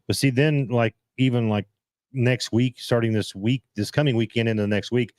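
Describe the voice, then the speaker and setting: A man hosting a casual live-stream chat, rambling and halting as he restarts his sentences. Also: medium pitch, steady tone, darkish tone, no echo, studio quality. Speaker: host.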